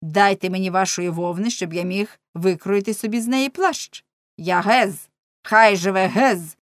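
A woman's voice: mid-range voice, normal speed, no echo, clean studio sound, close to an everyday voice. A woman voicing a cunning, playful young male rogue who mocks, wheedles and defies. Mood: defiant. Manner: mocking, wheedling when begging, defiant. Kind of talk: audiobook character voicing.

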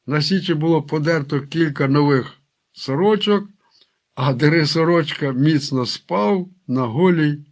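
A man reading a story aloud in an unhurried narrating voice, lightly voicing the characters in their dialogue. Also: a little high. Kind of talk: audiobook narration with character quotes.

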